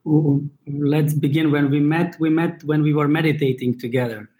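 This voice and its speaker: A man's voice: a little high, steady tone, normal speed, warm tone, low-quality recording. A man from Slovenia in his thirties talks as an interview guest in a slightly raised voice. He hesitates often, restarting phrases and filling gaps while he hunts for his words. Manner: searching for words, many fillers and restarts, non-native English. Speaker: guest, former table tennis player and coach. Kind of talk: casual interview talk.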